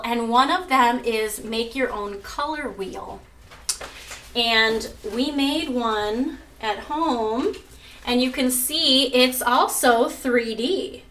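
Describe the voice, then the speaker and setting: An adult woman, an art teacher and mother, narrates a lesson and reads a picture book aloud at home, prompting children with questions. Her bright, fairly high voice moves slowly and instructively. She's far from the mic, with noise in the background.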